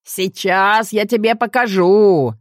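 Lady doing a shrill nasal frog prince, huffy and whiny, dry close sound. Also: slow pace, dry recording, close to an everyday voice. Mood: outraged. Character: haughty whiny male frog, a cursed prince.

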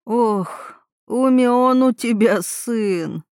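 A woman voicing a mysterious older village woman in mourning who speaks slowly and quietly, in a portentous way. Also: fairly high pitch, smooth, dry recording, studio quality. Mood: ominous.

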